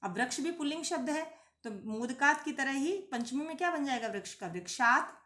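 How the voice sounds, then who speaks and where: A woman leads a classroom-style lesson, methodically posing questions and then answering them herself. Her voice sits a little high. She slows down to recite word forms one by one, and the recording has a noticeable room echo. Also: expressive, fairly bright tone. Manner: recites Sanskrit word forms slowly and deliberately. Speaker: Sanskrit teacher. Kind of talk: classroom lesson explaining a textbook.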